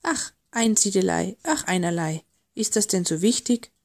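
A woman's voice: mid-range voice, moderate pace, vocal fry, a little mellow. A woman voicing a bored, sighing male hermit crab in a storybook reading.

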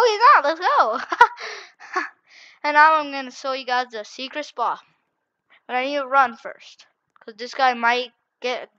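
A young woman commentating a hide-and-seek video game in a frantic, excitable way, repeating herself and dropping to whispers when hiding. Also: on the high side, no echo, muffled recording. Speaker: gaming channel host.

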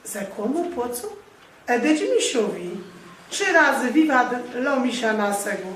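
A woman with a Podhale highland accent reads verse in a measured, rhythmic cadence. Her voice sits a little high. She is picked up from a distance in an echoey hall, with a faint hiss behind her. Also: animated. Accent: Podhale highland Polish. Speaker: reader at a book launch. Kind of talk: dialect poetry reading and chat.

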